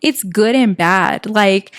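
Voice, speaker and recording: A young woman co-hosting a podcast in casual chat, expressive and full of "like" fillers. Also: medium pitch, slow, smooth. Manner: expressive, reaction-based, lots of "like" fillers. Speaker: podcast co-host.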